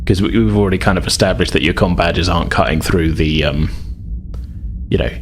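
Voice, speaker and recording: Slight background noise accompanies this very low-voiced man running a tabletop roleplaying game as game master. He narrates a little fast, improvising in a conversational way and hedging as he goes.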